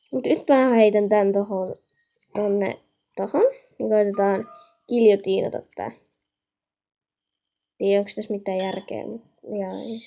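A young woman chatting excitedly while playing a horror game, talking to viewers and scolding her mother in the background. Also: mid-range voice, creaky, lo-fi sound. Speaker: gaming channel host. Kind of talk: game commentary.

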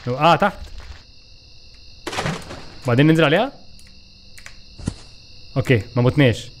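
A man with an Egyptian Arabic accent giving excitable, joking let's play commentary, talking back to the game. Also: on the high side, normal speed, slight background noise. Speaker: gaming YouTuber.

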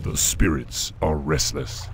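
A man voicing a proud orc shaman war chief in a fantasy video game, grave and declamatory, with a deep gravelly voice. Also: slow, noisy background, close to an everyday voice. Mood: grave, commanding. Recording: loud game music behind.

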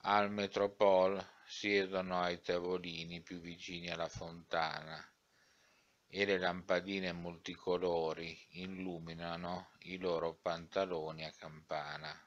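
Slow, low-voiced male narrator. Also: little pitch movement, lo-fi sound. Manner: measured, deliberate reading. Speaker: audiobook narrator. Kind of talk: literary audiobook narration.

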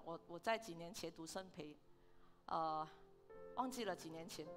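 A woman pastor, preaching a lively sermon in a church service, firing questions at the congregation and slipping in English words. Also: medium pitch.

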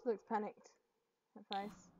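A young woman giving casual commentary while playing a video game, often breaking into excited, gasping exclamations. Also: mid-range voice, measured pace. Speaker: gaming YouTuber. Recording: dull lo-fi audio with game music. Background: game music.

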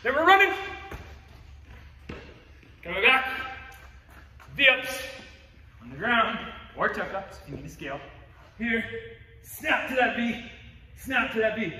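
Man, fitness coach, out of breath, upbeat, high voice, far from the mic, long gym reverb. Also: very animated, unhurried, pauses often, sharp tone, a little hiss or hum. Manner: upbeat, cues moves with "boom". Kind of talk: workout instruction demo.

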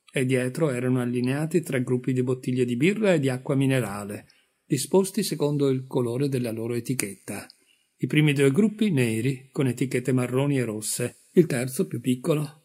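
Man reading a story aloud, slow and measured, dark husky voice. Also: mid-range voice. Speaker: audiobook reader. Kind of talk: literary audiobook narration.

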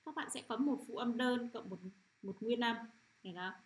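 A middle-aged woman teacher leading a children's phonics lesson, sounding out syllables slowly and often asking if the class has understood. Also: fairly high pitch. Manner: repetitive, checks understanding with frequent "được chưa?".

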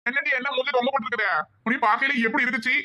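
A man's voice: very high-pitched, fairly even intonation, rapid-fire, bright, forceful tone, heavily acted. A man playing a reproachful village husband who lectures his wife in a southern Tamil village dialect. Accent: southern Tamil Nadu village dialect. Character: scolding village husband, told-you-so type.

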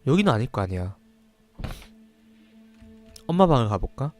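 Male horror game streamer, lively swings in pitch, talks through on-screen text, faint game music underneath. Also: moderate pace. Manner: reads on-screen text aloud between muttered asides to himself. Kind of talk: horror game let's play commentary.

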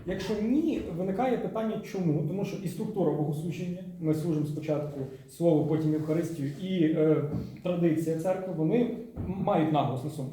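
A man giving an academic conference talk, reading from sources and commenting, pausing to think and checking in with his listeners. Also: fairly high pitch, dark tone. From Ukraine. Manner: measured, thinking aloud with frequent filler pauses and "так?" checks. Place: conference hall at a round table. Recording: distant mic in a very echoey hall.

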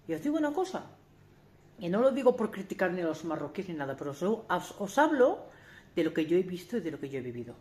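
Talking fast and sing-song in a somewhat low, darkish voice, a family vlogger in her forties addresses the camera head-on. She's frank and forceful, breaks off to start over, and repeatedly asks her audience rhetorical questions.

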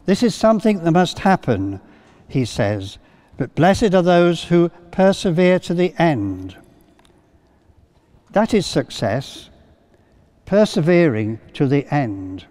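An older priest with a fairly high voice preaches a sermon, speaking slightly raised as he gently tells his story with pauses and small fillers. A pulpit mic picks him up in a large cathedral, where his words ring with long reverb.

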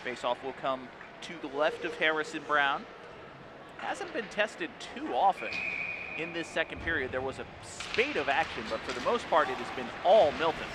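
Male hockey play-by-play announcer, fairly high voice, clipped phrases, very noisy rink behind. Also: big pitch swings, normal speed. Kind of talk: live ice hockey commentary. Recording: noisy ice rink broadcast. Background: loud rink ambience.

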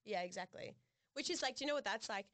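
A young woman co-hosting a chatty podcast, swearing freely and telling her story with plenty of animation and laughter. Her voice sits at a middle pitch, and the recording is dry and close to the mic. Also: expressive, fast, a bit bright, no echo. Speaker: podcast co-host. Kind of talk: casual chat.

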